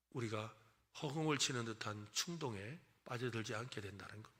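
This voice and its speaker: A man's voice: mid-range voice, pushed and bright. A male pastor preaching at a church service, leading the congregation in counting and repeating phrases and acting out feelings. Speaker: senior pastor. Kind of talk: sermon with call-and-response.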